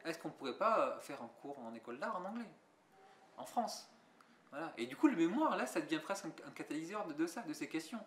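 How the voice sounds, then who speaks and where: Fairly quick and lively in intonation, the young artist's voice sits a little high and sounds a bit bright. He's being interviewed in an echoey museum gallery with slight background noise, giving thoughtful answers full of restarts and fillers.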